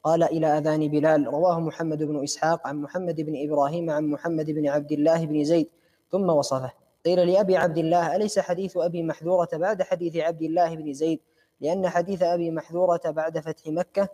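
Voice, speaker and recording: A man student reading a classical text aloud to the class in a steady, recitation-like way. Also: a little high, fast. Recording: long hall reverb.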